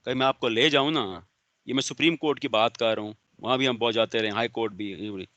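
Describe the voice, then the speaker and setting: In a lo-fi online class, a male business law lecturer scolds and explains, calling on students by name in a stern, sarcastic manner. His voice is medium-pitched, bright and forceful, with a brisk pace.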